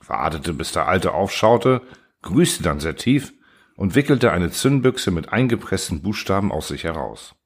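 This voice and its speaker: A man narrating a story in a measured, dramatic storytelling manner. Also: sits low, very animated, slightly rough.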